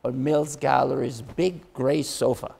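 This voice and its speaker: A man's voice: medium pitch, steady tone, unhurried, creaky, a little mellow, slightly rough, in a large hall. A man hosting an interview, musing and hesitant with fillers. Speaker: interviewer host.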